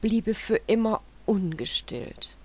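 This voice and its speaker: A woman's voice: medium pitch, slow pace, mellow, pitched above the performer's own voice. A woman voicing a pompous, sentimental male rooster who boasts grandly. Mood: grandiose. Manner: grandiose, self-important.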